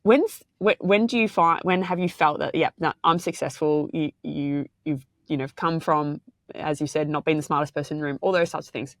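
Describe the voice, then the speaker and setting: A woman with a low voice hosts a podcast interview, heard dry and close with no room sound. She asks long, excitable questions that ramble through plenty of fillers. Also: a little fast, no room sound. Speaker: podcast host.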